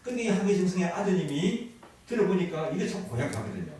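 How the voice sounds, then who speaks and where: A man's voice: sits high, sing-song, fast talker, mellow, a little hiss or hum. Male pastor preaching, voice rising and falling a lot, echoey church hall, mic a bit far off. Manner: storytelling, asks the congregation questions. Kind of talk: sermon. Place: church sanctuary.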